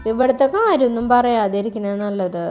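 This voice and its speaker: A short-tempered old uncle who barks gruff, angry lines, as a woman puts him on. The voice stays fairly high despite the gruffness. This is a storybook character voice. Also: expressive, a little fast, darkish tone, faint music behind, natural voice.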